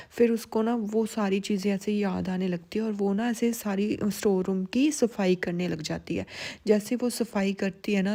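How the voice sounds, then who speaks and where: Woman, casual storytelling recap, mellow tone, chatty fillers. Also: medium pitch. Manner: chatty, heavy use of fillers like "na" and "like". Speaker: drama recap narrator.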